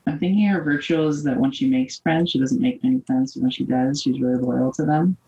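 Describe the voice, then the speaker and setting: A woman's voice: a bass voice, fairly even intonation, fairly quick, dark tone, highs cut off, slight background noise. A woman playing in a tabletop game, thinking aloud about her character in a hesitant, giggly way. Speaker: player. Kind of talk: casual tabletop game chat.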